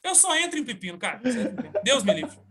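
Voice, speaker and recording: A young adult man, a lawyer telling an animated anecdote and acting out the dialogue. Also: extremely high pitch, racing, slight background noise. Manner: animated, acts out quoted dialogue. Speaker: lawyer guest. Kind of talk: casual anecdote and legal explanation.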